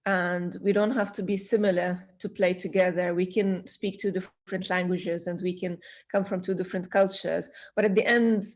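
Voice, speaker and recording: A woman's voice: lowish voice, fairly even intonation, moderate pace, hardly any pauses, darkish tone. A woman from Syria, a children's author, answering interview questions earnestly and with passion, with small restarts.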